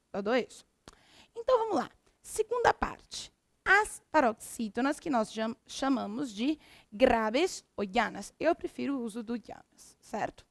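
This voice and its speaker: A woman's voice: high voice, dry recording, clean studio sound. A Brazilian woman teacher giving a recorded lesson, explaining step by step and answering her own questions. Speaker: Spanish teacher.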